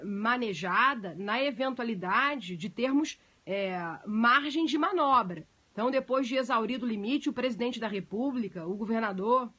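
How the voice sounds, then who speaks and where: A woman's voice: on the high side, bright, forceful tone, husky, lo-fi sound. A woman teaching a class on a live stream, explaining at length and chatting with viewers between points, with many fillers. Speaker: teacher of budget law. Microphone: phone.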